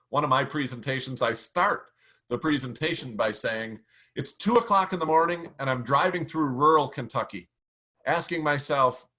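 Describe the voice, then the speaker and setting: A middle-aged man teaching how to tell stories and speak with confidence, in a measured, emphatic delivery. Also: medium pitch, bright, forceful tone. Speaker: speaking coach. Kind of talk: instructional talk.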